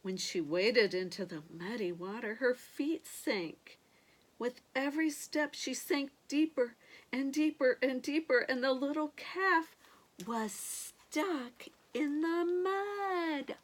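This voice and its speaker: A sweet, grandmotherly older woman reads a picture book aloud to children, expressively drawing out key words and adding gentle asides. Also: high-pitched, measured pace. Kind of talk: animated read-aloud storytelling with asides to young listeners.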